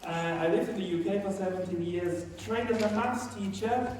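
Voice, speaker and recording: Joking at his own expense between points, a German-born teacher leads a conference-room workshop at a moderate pace. His voice is fairly high for a man and steady in tone, ringing around the very echoey room and picked up from a distance with faint noise underneath.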